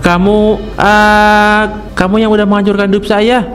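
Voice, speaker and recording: A man's voice: sits high, flat delivery, measured pace, fairly bright tone, faint music behind. A man voicing a deranged male schoolteacher in a cartoon who rambles, cackles and panics. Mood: terrified. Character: deranged male schoolteacher, scheming then crazed. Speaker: teacher. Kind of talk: cartoon voice acting.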